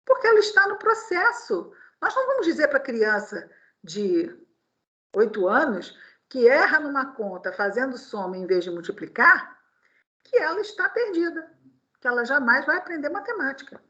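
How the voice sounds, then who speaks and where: A woman's voice: sits high, sing-song, moderate pace, pushed and bright, muffled recording. A Brazilian woman giving a spiritist public talk, acting out quoted voices and asking rhetorical questions. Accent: Brazilian Portuguese. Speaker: spiritist lecturer.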